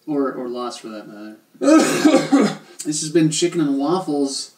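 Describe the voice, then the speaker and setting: A man's voice: fairly high pitch, wildly swooping pitch, slow, darkish tone. A man co-hosting a casual show, joking around playfully. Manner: jokey, playful. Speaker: co-host. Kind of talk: casual chat reviewing a TV show. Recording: roomy, distant mic.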